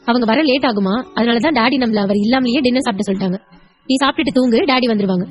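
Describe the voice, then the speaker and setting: A woman voicing a weary young mother in an audio story, soft and subdued. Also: on the high side, fast talker, lightly acted.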